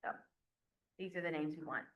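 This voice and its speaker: A woman teaches chemistry, walking students through each step and counting aloud as she works at the board. Her voice sits a little low for a woman. The recording is dull and lo-fi, with the ring of a roomy classroom. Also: a little fast. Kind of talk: classroom lecture.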